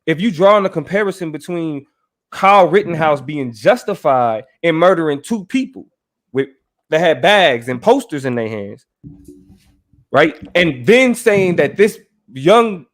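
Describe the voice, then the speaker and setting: A man hosting a casual debate recap, talking conversationally and often checking in with "right?" and "you know what I mean". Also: a little high. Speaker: show host.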